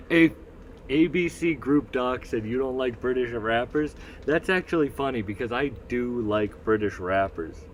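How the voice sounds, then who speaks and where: A man with a Northeastern US accent hosts a casual solo livestream, rambling along, swearing freely, and reading the chat aloud. His mid-range voice is slow, with a little hiss or hum in the background.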